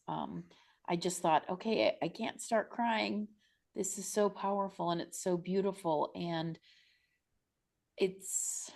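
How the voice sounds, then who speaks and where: A woman hosts a podcast in a lowish voice. She speaks effusively and fires several questions at her guest one after another. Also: gravelly, a little mellow. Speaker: podcast host. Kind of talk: casual interview conversation.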